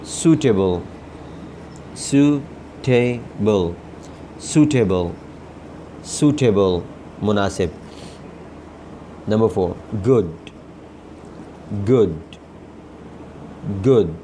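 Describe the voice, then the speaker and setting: Slow, deep-voiced man teaching English words. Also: darkish tone, slight background noise. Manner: slow, repeats each word several times before translating. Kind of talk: vocabulary lesson with repetition drills.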